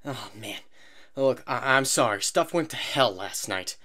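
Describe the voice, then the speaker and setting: A man's voice: medium pitch, expressive, a little slow, bright, forceful tone. A man playing a stammering nervous teenage boy. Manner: stammering, apologetic. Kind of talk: fan audio drama acting.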